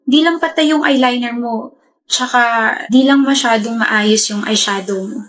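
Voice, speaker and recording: Woman, very high voice, playful teasing comedy-skit delivery. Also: measured pace, a bit bright. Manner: bantering, teasing. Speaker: skit creator. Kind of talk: scripted comedy skits.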